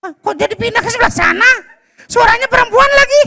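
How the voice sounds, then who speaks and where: An eager, pious little schoolboy calls out in a high, bright voice. He talks quickly and loudly. His pitch leaps around a lot. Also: creaky, heavily acted. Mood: calling out. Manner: excited, calling out loudly. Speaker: storyteller.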